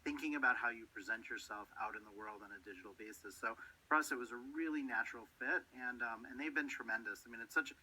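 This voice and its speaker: Middle-aged man, radio interview guest, bright tone, husky edge, earnest, repeats words. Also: mid-range voice, fast talker, hardly any pauses, rough recording. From Detroit, Michigan. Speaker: guest, company representative. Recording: radio studio.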